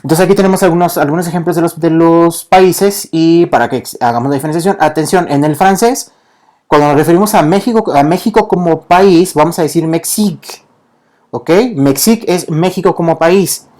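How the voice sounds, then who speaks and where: A man's voice: fairly high pitch, fairly quick, darkish tone. A man teaching a beginner French lesson, patiently explaining and peppering his talk with "ok". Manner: patient, says "ok" constantly.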